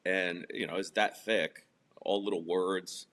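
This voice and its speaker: A New Jersey man, Spanish his first language, tells his life story as a guest on a casual podcast interview. His voice is low, steady, unhurried and fairly bright, and he chats freely, full of fillers and laughing at his own jokes.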